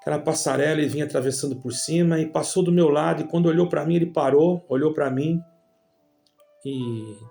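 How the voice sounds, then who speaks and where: A man's voice: on the high side, brisk, gravelly, dark tone, faint music behind. A Brazilian man with a Brazilian Portuguese accent telling a religious personal testimony, calling his listeners brothers in a rambling storytelling way. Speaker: church member giving testimony.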